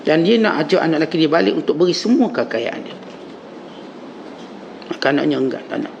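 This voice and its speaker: A man with a Malaysian Malay accent giving a dawn mosque lecture, telling stories in plain everyday speech and acting out the people in them in a higher voice. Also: lively intonation, brisk, vocal fry, highs cut off, a little hiss or hum. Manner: colloquial storytelling, acts out quoted people in a higher voice. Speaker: religious teacher.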